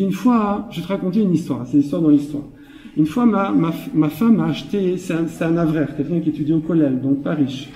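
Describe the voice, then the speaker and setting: A man's voice: on the high side, mellow. A man giving an informal Torah class as a storytelling rabbi, who repeats words for emphasis and chuckles often. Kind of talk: informal Torah lecture with anecdotes. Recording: echoey hall, heard from a distance.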